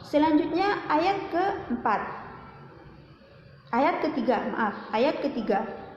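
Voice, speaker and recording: High-voiced woman teaching Quran recitation, echoey. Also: a little hiss or hum. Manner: slow, patient explaining with repeated drills. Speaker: religious teacher. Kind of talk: Quran recitation lesson for children. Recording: roomy echo, dull lo-fi sound.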